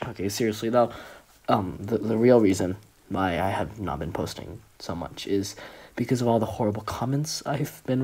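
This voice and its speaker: A young man delivers a mock-serious announcement to his viewers, pausing on little fillers as he plays at being earnest. His voice sits a bit low for a man. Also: dark tone, husky, low-quality recording. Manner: fake-earnest with hesitant fillers. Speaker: YouTuber.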